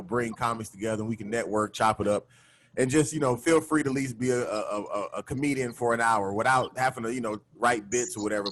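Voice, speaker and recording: A man's voice: mid-range voice, fairly bright tone. A man hosting a casual comedy podcast over a video call, talking in a laid-back, slangy way with lots of fillers. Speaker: podcast host. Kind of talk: casual chat.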